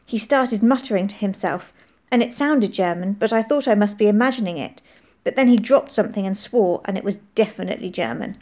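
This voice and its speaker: A woman's voice: mid-range voice, fairly quick, a little mellow, lightly acted. Woman playing a determined, serious young girl. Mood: firm.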